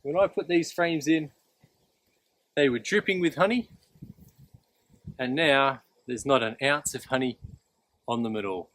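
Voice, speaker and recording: A man's voice: mid-range voice, a little slow, long pauses, fairly bright tone. A man instructing in a practical, plain-spoken way, explaining a hands-on demonstration step by step while outdoors. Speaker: beekeeping instructor. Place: outdoors beside beehives.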